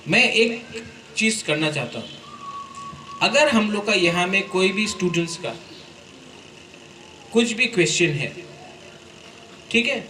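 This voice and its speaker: A man's voice: high-pitched, bright, forceful tone, a little hiss or hum. A man giving an impassioned public speech to students, exhorting them and mixing in English phrases, then taking questions. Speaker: community leader addressing students. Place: hall with students. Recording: echoey hall.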